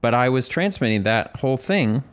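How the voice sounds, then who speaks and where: A man's voice: medium pitch, expressive, moderate pace, clean tone. A man co-hosting a casual podcast, telling stories in a rambling, self-interrupting way. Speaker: podcast co-host.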